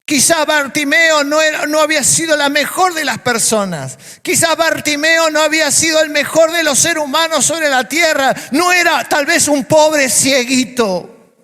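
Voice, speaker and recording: A man's voice: very high voice, moderate pace, bright, forceful tone, in a large hall. A man with an Argentine accent, preaching a sermon as a pastor, emphatic and full of repeated phrases. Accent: Argentine Spanish. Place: church.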